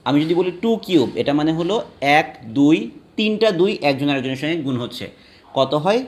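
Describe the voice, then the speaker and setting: Man, math teacher, patient step-by-step lecture, counts aloud, slightly high voice. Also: expressive, a little mellow. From Bangladesh. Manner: slow, deliberate, spells out steps and counts aloud.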